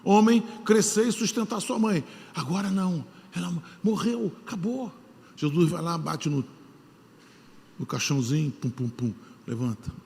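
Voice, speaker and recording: Man, Brazilian Portuguese accent, pastor, sermon, gravelly, reverberant hall. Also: high voice, expressive, normal speed. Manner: repeats phrases for emphasis, swings between shouting and hushed. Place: large church hall.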